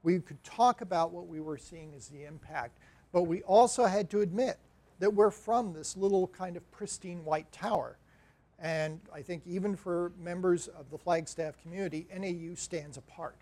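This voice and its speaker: A man, an academic librarian giving a conference talk, animated and wry with light jokes. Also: sits high, normal speed. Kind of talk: conference presentation.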